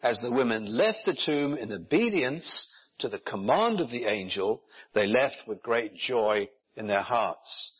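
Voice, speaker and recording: Man preaching in a husky voice. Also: medium pitch, animated, measured pace. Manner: earnest, explanatory, with rhetorical questions. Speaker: pastor. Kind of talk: sermon. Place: church in Japan. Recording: dull lo-fi recording.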